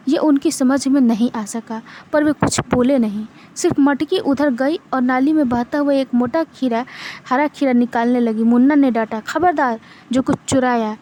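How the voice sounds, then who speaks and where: A woman reading a short story aloud in a steady narrating manner, with small restarts. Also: sits high, a little hiss or hum. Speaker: literature reader.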